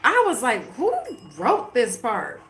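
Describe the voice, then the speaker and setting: A woman's voice: a little high, wildly swooping pitch, takes it slowly, creaky, a bit bright, echoey room, soft background music. A woman in casual chat while watching a movie, rambling and filling her talk with "like" and "you know". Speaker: livestream host.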